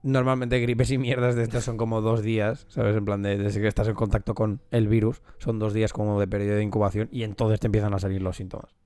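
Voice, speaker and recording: A man's voice: on the low side, flat delivery, fast, few pauses, mellow, clear, resonant tone, no echo. Slangy, jokey Spanish male podcaster. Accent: Spanish from Spain. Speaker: podcast co-host. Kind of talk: casual chat.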